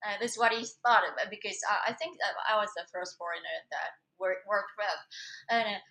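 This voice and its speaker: A young woman from Japan, a singer chatting casually on her live stream, animated and quick to laugh. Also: mid-range voice.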